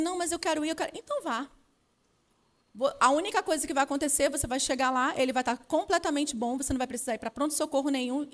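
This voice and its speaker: A woman preaching a sermon, telling a personal testimony and acting out conversations before building to loud emphatic proclamation. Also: high-pitched.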